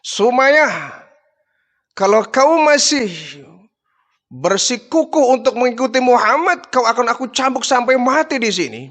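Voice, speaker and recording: A man's voice: very high-pitched, expressive, measured pace, pauses often, fairly bright tone, pitched above the performer's own voice, exaggerated voice. A man playing a cruel, arrogant male chief who boasts and threatens, within a storytelling sermon. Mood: threatening.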